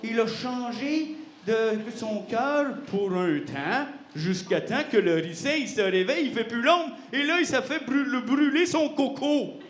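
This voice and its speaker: A man telling a Bible story to children in a playful, expressive way, asking the audience questions. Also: very high voice, measured pace. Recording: roomy hall, faint noise.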